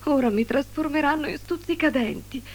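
A woman voicing a young female fir tree, fretful and proud, in a high, plaintive sing-song voice over music. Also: normal speed, breathy edge. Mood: gloomy. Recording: music playing underneath.

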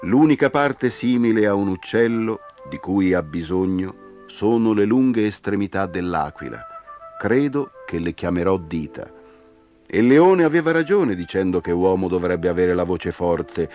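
A man's voice: low-pitched, measured pace, a little mellow, dull audio, soft background music. A man voicing a clever male coyote trickster in a storybook tale, smug and patient.

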